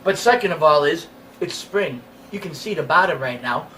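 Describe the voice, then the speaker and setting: A man co-hosts a fishing show and talks casually. He hands out plain advice and drops dry jokes along the way. His voice sits high, and it is heard from a distance over light noise. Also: expressive, moderate pace, pushed and bright. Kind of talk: casual chat. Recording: picked up from a distance, faint background noise.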